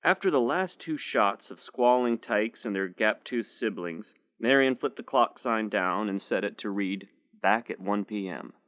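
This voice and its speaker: A man narrating a short story in a steady, measured first-person reading. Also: fairly low pitch, no room sound. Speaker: audiobook narrator.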